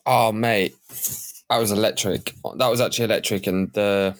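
A man, hoarse and a little croaky, chatting excitedly as a podcast co-host. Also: on the low side, moderate pace. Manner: excited, enthusiastic. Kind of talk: casual podcast chat.

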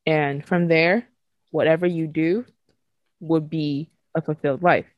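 A young woman from Nigeria hosts a podcast in a low, dry voice. She talks frankly and emotionally, with casual swearing and laughter between thoughts. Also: steady tone, a little slow, no room sound, lo-fi sound. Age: 20s. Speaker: podcast host. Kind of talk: candid podcast conversation.

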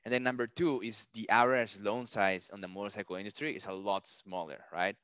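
A man's voice: fairly low pitch, fairly even intonation, fairly quick, a bit bright, smooth, no echo. A man as a podcast guest, explaining finance step by step with frequent restarts. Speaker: startup founder guest. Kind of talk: casual interview chat. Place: lives in a large city.

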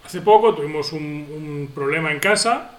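A man in his thirties chatting casually on a panel, telling funny stories with squeaky acted quotes. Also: normal speed. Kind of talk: casual chat. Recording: echoey room with crowd noise.

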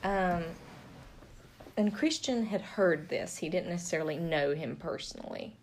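A woman's voice: fairly low pitch, unhurried, a little mellow. A woman co-hosting a podcast, chatting casually about a book, joking and laughing often. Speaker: podcast co-host. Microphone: podcast mic.

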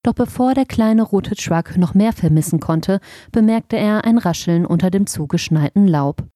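Gentle female storyteller for a kids' audiobook, mellow and dry, close mic. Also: medium pitch, moderate pace, no echo. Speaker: audiobook narrator. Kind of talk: scripted children's story narration.

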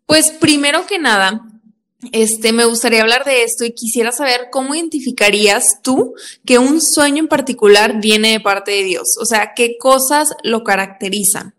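A woman's voice: a little high, moderate pace, a bit bright. A young woman hosting a podcast interview in a casual, chatty style. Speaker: podcast host.

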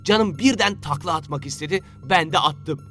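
Man putting on a mischievous young man, smug, teasing, slightly higher voice. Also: moderate pace, sharp tone, faint music behind. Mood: playfully defiant. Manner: teasing and playful. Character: calm, smug, mischievous young man who mocks his friends.

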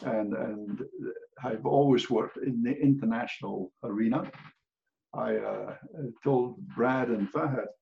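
A man's voice: medium pitch, unhurried, gravelly, muffled recording. An older man with a Scottish accent, speaking as a guest in a casual podcast interview, blunt and plain-spoken with dry humor. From Scotland.

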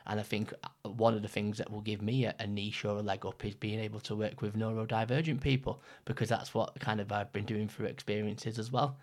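A man's voice: on the low side, little pitch movement, brisk, darkish tone. A young man in casual podcast chat, rambling with many fillers and restarts. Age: young adult. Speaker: trainee counsellor, podcast co-host.

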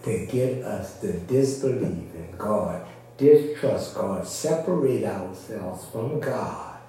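Slow and dark-toned, with lively intonation and a voice on the low side, a man gives a folksy, conversational sermon, teaching through repetition and calls for amen. The recording comes from a distant mic in a very echoey room.

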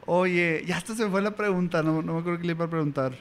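A man, hosting a casual live interview in a relaxed, joking way. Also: on the high side, quick pace, a little hiss or hum. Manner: relaxed, joking, laughs easily. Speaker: host.

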